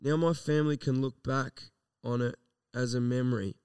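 A man's voice: mid-range voice, steady tone, moderate pace, darkish tone, smooth, no room sound, recorded from a distance. An Australian man co-hosting a casual live podcast, talking in slangy, laid-back language with plenty of swearing. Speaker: podcast co-host.

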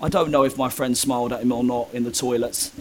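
A man's voice: medium pitch, steady tone, fast, background noise. A young man telling personal stories candidly in an interview, hesitant, with many ums and restarts. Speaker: guest. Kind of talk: conversational storytelling.

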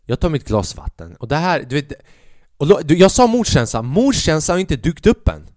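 A man's voice: a little high, very animated, a little mellow, no echo, studio quality. A young man, a podcast host and stand-up comedian, telling a rambling, profane story in a casual monologue.

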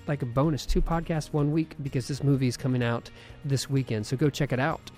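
A man's voice: mid-range voice, fairly quick, darkish tone, faint music behind. A man hosting a podcast, chatting casually and rambling with many fillers. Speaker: podcast host.

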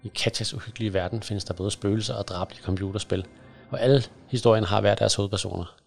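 A man reads a scary story aloud in a hushed, suspenseful manner. His voice sits low with a gravelly fry, and faint music plays underneath. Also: steady tone. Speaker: narrator. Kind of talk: scripted storybook narration.

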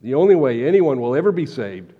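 A man's voice: medium pitch, big pitch swings, brisk. Man preaching in a reverberant hall. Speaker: pastor. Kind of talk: sermon. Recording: dull lo-fi recording with long hall reverb.

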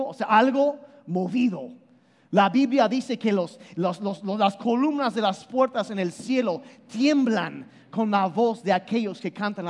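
A man preaching a sermon, animated and emphatic, often repeating and restarting his words as he explains. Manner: animated, shifts between loud emphasis and low intensity. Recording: long hall reverb.

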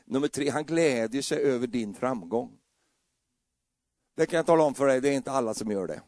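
Gravelly preacher, dark voice. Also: male voice, medium pitch, animated, no room sound, clean studio sound. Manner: humorous, acts out scenes with voices. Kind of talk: lively sermon.

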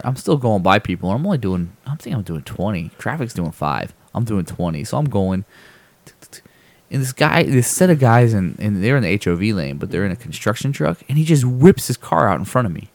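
Low-voiced man telling a rambling story. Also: no room sound. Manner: relaxed and rambling, with many fillers and restarts; acts out people's lines in a raised voice when telling stories. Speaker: podcast host. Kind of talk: casual chat, storytelling.

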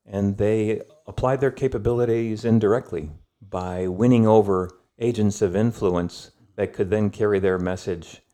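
A middle-aged man, a guest historian, telling history in a thoughtful, storytelling way with pauses and fillers. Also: fairly low pitch, mellow. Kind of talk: conversational history lesson.

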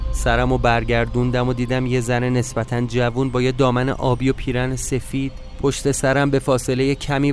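A man of middle pitch reading a scripted first-person story for a podcast. His telling is calm, measured and matter-of-fact, with faint music underneath. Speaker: podcast narrator.

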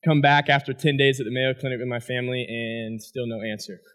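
A man, a former college athlete, giving a personal testimony speech and telling his story with animated energy to an audience. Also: medium pitch, brisk. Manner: animated storytelling, asks the crowd "right?".

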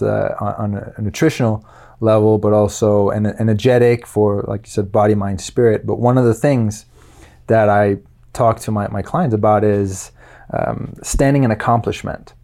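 A man's voice: on the low side, a little mellow. A man in his thirties from Denmark, a life coach guest on a podcast, speaking hesitantly with many fillers and repeated words. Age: 30s. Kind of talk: casual interview chat.

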